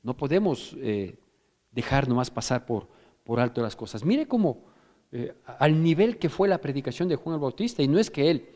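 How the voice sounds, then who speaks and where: A man's voice: medium pitch, sing-song, moderate pace, mellow, long reverb tail. A male pastor with an Ecuadorian Spanish accent preaching a firm, exhorting sermon, often restarting and asking "¿sí?". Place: church hall.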